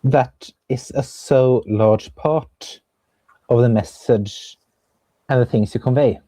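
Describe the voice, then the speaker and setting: A young adult Norwegian man, a composer and viola player appearing as a guest, speaks slowly and mellowly in a mid-range voice during a casual conversation. He's thoughtful, hunting for words with plenty of pauses and fillers. The recording is dry.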